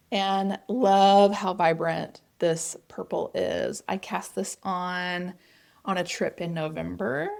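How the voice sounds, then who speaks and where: Woman, Oklahoma accent, gravelly vocal fry, medium pitch, chatty enthusiastic vlog host. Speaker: knitting podcast host. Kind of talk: casual vlog chat.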